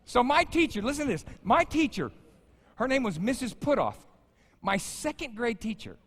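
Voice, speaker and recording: A man in his fifties preaches as pastor in a large church sanctuary, chatting and joking with the congregation. His voice is very high and very animated, delivered at a moderate pace. The long reverb of the sanctuary carries through the recording.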